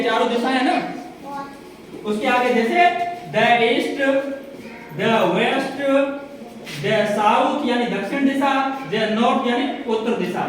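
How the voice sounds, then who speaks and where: A woman with a high voice teaches a grammar lesson, putting questions and answering them herself as she repeats each example. She is heard from a distance in a very echoey room, with faint noise behind her.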